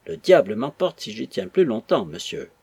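A man reading aloud and voicing a plump, touchy young man who shouts when offended. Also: mid-range voice, big pitch swings, normal speed, creaky, slightly rough, no echo, heavily acted. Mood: irritable. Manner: irritable, shouting.

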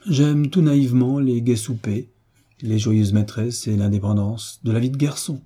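A pleasure-loving young aristocrat refuses his mother gently but firmly, as read by a male narrator. His voice is very dark and mellow, with a husky edge. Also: medium pitch, normal speed, lightly acted. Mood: defiant. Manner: calm, tender, quietly defiant. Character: carefree young nobleman, gentle but firm son.

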